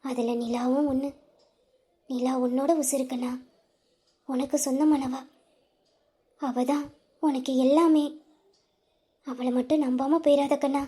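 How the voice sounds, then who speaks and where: A woman voicing a loving mother who softly consoles and reassures her crying son in an audio drama. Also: sits high, fairly even intonation, measured pace, long pauses, slightly rough. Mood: tender soothing. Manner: soft, soothing, reassuring. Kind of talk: Tamil audio drama acting.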